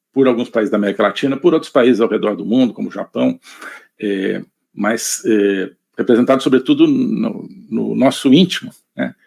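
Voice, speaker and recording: Gravelly-voiced Brazilian man lecturing. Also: fairly low pitch, a little mellow. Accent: Brazilian Portuguese. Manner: measured, thinking aloud with many fillers. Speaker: lecturer on politics. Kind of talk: live online lecture. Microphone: computer mic, screen sharing.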